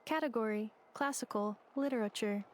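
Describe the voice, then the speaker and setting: A woman's voice: a little high, moderate pace, natural voice. A woman voicing a polite female robot housekeeper in a video game, speaking in clipped, formal, machine-like announcements. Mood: dutiful, deadpan. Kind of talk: video game character voice lines.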